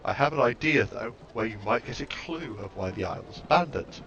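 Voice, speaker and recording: A man voicing an ancient, trembling, awed female servile creature in a game, reading her lines slowly and reverently. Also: medium pitch, animated, fairly bright tone. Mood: earnest. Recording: muffled lo-fi mic with background noise.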